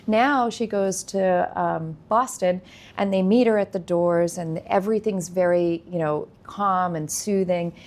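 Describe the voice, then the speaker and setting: A woman telling a long story in a casual interview, animated, acting out what other people said. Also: lowish voice, measured pace. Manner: animated storyteller, acts out quoted speech. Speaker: guest, nursing company founder.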